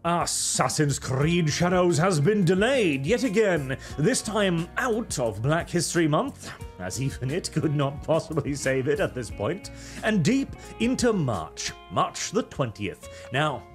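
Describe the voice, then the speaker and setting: Male YouTube commentator, slightly high, very animated and pompous, scripted news delivery, faint music underneath. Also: measured pace. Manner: theatrical, wordy, pompous.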